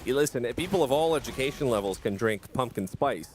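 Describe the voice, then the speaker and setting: A man with a Canadian accent hosting a charity live stream, easygoing and quick to laugh at himself. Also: medium pitch, expressive. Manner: easygoing, laughing, self-deprecating. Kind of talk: casual live-stream chat.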